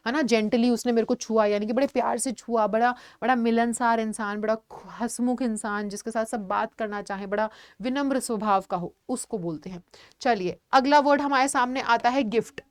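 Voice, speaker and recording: A young woman teaches a vocabulary class in a patient, encouraging tone, often checking that her students follow. Her voice sits fairly high. The recording is dry and close, with no room sound. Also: moderate pace, no room sound. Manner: explains patiently, addresses students as "beta", frequent "theek hai" check-ins. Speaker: online teacher.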